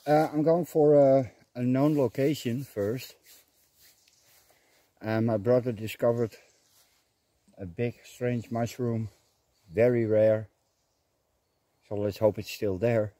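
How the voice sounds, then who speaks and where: A man walks a rainy forest trail, chatting in a rambling way to the camera on his tripod. His voice is mellow and dark, his pace slow and easy, and the sound is dry and close. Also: medium pitch, fairly even intonation, no echo. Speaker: vlogger. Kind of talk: casual outdoor vlog narration. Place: outdoors on a forest trail in light rain.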